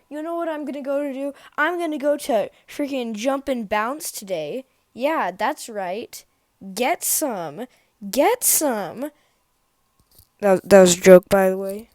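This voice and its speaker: A woman's voice: fairly high pitch, no echo, studio quality. A woman vlogger rambling through a goofy, sarcastic, mock-defiant comedy story.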